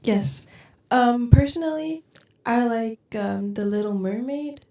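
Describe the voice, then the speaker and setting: An eighteen-year-old woman from Denmark, a guest on a school podcast, talking with many pauses and ums. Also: a little high. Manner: hesitant, many ums, drifting softer. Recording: roomy, distant from the mic.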